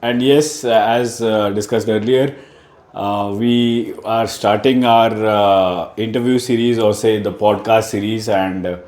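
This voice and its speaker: A man with an Indian English accent hosting a conversational interview in a halting way, often repeating phrases. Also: on the low side, steady tone, a little mellow. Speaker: podcast host. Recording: roomy, echoing voice.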